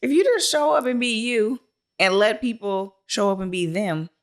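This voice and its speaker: A woman's voice: mid-range voice, lively intonation. A woman co-hosting a podcast in a casual, heartfelt chat, speaking emphatically in rhythmic lists. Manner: emphatic, builds rhythmic lists, quick affirmations. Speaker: podcast co-host.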